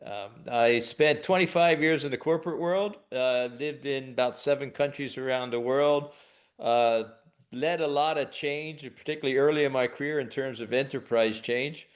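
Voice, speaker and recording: An American leadership expert in middle age fields webinar interview questions in a relaxed, chatty manner, often restarting his sentences. His pitch is medium and his speed normal.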